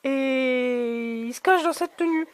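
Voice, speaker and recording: A high-pitched woman talks through an unboxing of collectible figurines in a loose, chatty way, stopping often to search for words. Her voice is close and dry, with no room sound around it. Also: slow, no echo. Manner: chatty, hesitant, many fillers. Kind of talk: casual unboxing commentary.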